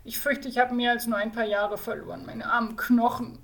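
A woman's voice: on the high side, fairly even intonation, brisk, gravelly, pitched above the performer's own voice. A woman doing a whiny young male mage. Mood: complaining. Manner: whining, complaining.

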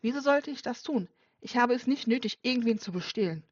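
A woman's voice: fairly high pitch, lively intonation, brisk, pitched above the performer's own voice. A woman reading an audiobook voices a loyal young man who speaks earnestly and defends himself. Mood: defiant. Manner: earnest, pleading. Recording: dull dry lo-fi recording.

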